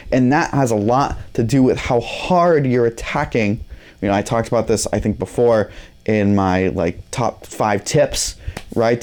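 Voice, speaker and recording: A man's voice: medium pitch, a little mellow. A young man giving a casual guitar lesson, talking loosely with lots of "right?" and "you know". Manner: conversational, fillers and "right?" tags. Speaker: guitar teacher.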